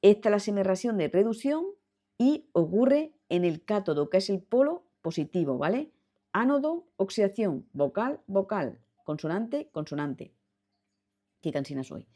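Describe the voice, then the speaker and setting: In a chemistry video lesson, a woman from Spain speaks in a mid-range, dark-toned voice that is very animated yet unhurried. Patient and repetitive, she walks through each step, goes over key points again, and checks on her students.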